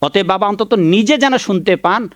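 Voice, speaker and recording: A Vaishnava preacher gives a Bhagavat discourse, preaching emphatically, chanting mantras and addressing his listeners fondly while scolding critics. His voice is high, at normal speed, with no echo.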